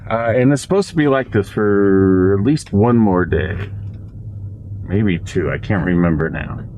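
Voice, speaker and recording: A man's voice: lowish voice, unhurried, darkish tone. A man narrating a travel vlog in a laid-back, conversational way. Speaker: travel vlogger. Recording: faint wind and background noise.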